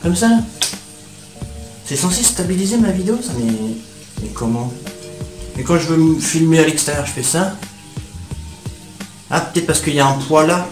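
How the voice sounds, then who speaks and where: A man's voice: on the high side, normal speed, pauses often, echoey room, over music, poor audio. A young man casually unboxing gadgets for his viewers, talking in street slang and calling them brothers. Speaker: YouTuber.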